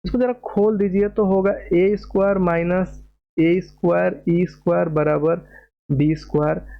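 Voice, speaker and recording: Man, maths teacher, patient board explanation, repeats terms, fairly high voice, muffled lo-fi sound. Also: flat delivery, moderate pace, creaky. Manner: patient, repeats key terms and checks understanding.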